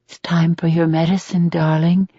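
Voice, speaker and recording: Female reader doing a seductive lady killer for an audiobook, low soft menacing purr, unhurried, slightly muffled recording. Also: big pitch swings, slightly rough, no echo, full character voice. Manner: soft purring menace, hushed and whispery.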